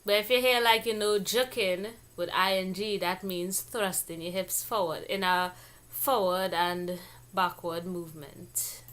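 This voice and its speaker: A woman from Trinidad with a Caribbean Trinidadian accent, explaining things casually like a vlog host in a playful, jokey, expressive way. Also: lowish voice, a little slow.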